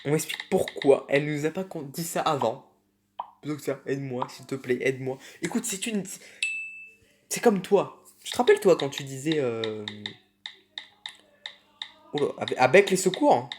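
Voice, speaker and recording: A man's voice: medium pitch, animated, moderate pace, darkish tone, slight background noise. A man doing casual, sarcastic commentary on a chat story game, reading its messages aloud and mocking the spelling mistakes. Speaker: gaming YouTuber.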